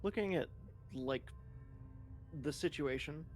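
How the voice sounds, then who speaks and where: Slow-talking man playing a tabletop game. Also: on the high side, a little mellow, faint music behind. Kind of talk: casual improvised game talk.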